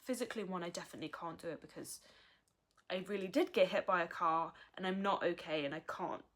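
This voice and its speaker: Young woman in her early twenties, vlogger, frank and earnest, slightly low-pitched. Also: fast, a bit bright. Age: early 20s. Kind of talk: candid personal vlog talk.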